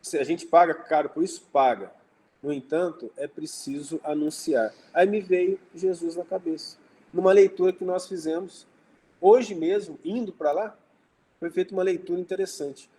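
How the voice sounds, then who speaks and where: A man's voice: sits high, steady tone, normal speed, warm tone, slightly rough, rough recording. A man with a Brazilian Portuguese accent gives an informal religious study talk, telling anecdotes and acting out dialogue. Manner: conversational, tells anecdotes and acts out dialogue. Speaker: spiritist lecturer.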